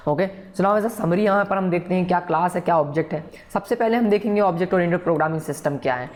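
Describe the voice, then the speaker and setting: A man's voice: high-pitched, fast talker. Patient man teaching a coding lesson. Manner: patient, repetitive, checks in with listeners often. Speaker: programming instructor. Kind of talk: recorded coding tutorial lecture.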